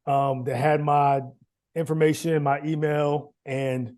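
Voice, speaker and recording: A man talks through his story in an easy, chatty way, acting out the voices of others as he goes. His voice sits a little high but sounds mellow and warm, not bright. He keeps the telling loose and animated. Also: slow. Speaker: guest, former quarterback. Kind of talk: casual storytelling conversation.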